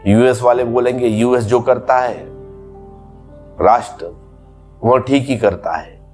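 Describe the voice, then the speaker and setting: A man's voice: mid-range voice, slow, a little mellow, faint music behind. A man giving a spiritual discourse as a teacher, explaining patiently through repeated everyday examples.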